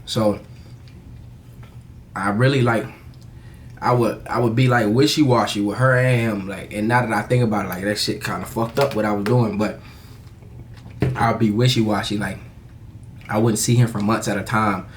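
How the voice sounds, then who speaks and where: A young American man telling a personal story in a casual confessional vlog, candid and halting, with slangy, profane phrasing. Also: lowish voice, fairly even intonation, slight background noise. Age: young adult.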